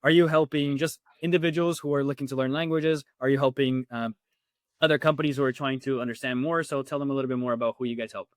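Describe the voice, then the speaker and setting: A male interview host from Latin America with an average-pitched voice. He talks quickly and casually, putting questions to his guest. The recording is close and dry. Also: fairly even intonation, no room sound. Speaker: podcast host.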